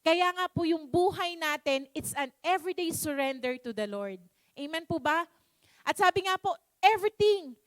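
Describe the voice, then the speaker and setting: A woman with a very high voice preaching in church, telling a story in a polite, halting way, full of fillers and restarts. The sound is dry and close. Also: lively intonation, no echo. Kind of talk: sermon with a story.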